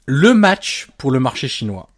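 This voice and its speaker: A man's voice: mid-range voice, very animated, measured pace. A man co-hosting a casual football podcast, hesitant with many fillers and teasing his partner. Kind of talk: casual chat about Italian football.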